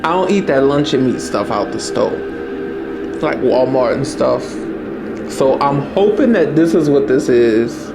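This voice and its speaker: A man's voice: mid-range voice, animated, unhurried, gravelly. A man with a New Orleans accent giving casual, blunt reaction commentary in colloquial, disbelieving exclamations. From New Orleans, United States. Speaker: reaction video host. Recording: music playing behind the voice.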